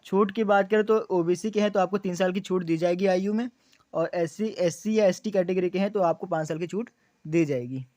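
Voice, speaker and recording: A man's voice: high-pitched, fairly quick, a little mellow, no echo, clean studio sound. A young man explaining exam details to students, repeating key points as questions and answers, with frequent fillers. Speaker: exam coaching YouTuber.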